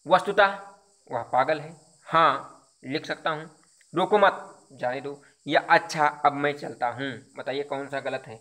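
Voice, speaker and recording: Bright-voiced male Hindi teacher. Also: a little high, unhurried. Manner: explains answers by repeating and rhetorical questions. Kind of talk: exam quiz lesson.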